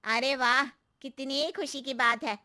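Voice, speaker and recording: A woman's voice: high voice, fairly even intonation, a little slow, smooth, no echo, studio quality, voice pushed up. A woman voicing an older neighbor aunty in a cartoon moral story, who gives knowing warnings. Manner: warns in a hushed, knowing tone.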